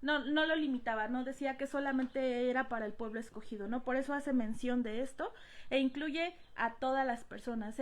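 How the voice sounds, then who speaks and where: A woman giving a Bible study lesson, pausing often on "eh" and checking in with tag questions. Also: sits high. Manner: hesitant, frequent "eh" and tag questions "¿no?". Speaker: Bible teacher.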